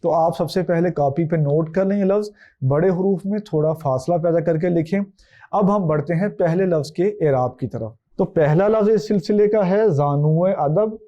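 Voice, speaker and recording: A man with a Pakistani Urdu accent teaching an exam-prep lesson, slowly spelling out each letter and its vowel mark. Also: fairly high pitch, mellow. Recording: dull lo-fi recording.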